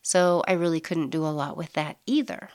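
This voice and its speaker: A middle-aged woman hosting a casual solo podcast, effusive and upbeat with soft breathy asides, sounding nasal from allergies. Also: low-pitched, normal speed. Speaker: podcast host.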